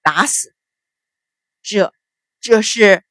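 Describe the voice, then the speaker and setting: A woman voicing a stern middle-aged nobleman and father who questions his family gruffly. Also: medium pitch, expressive, moderate pace, no echo, studio quality, lightly acted.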